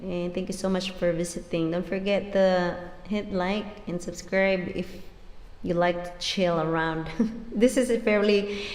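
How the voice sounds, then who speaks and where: A woman's voice: on the low side, fairly even intonation, measured pace, darkish tone. A woman from the Philippines with a Filipino accent hosts a casual live stream between cover songs. She chats, switches between languages and laughs often. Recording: roomy with music behind.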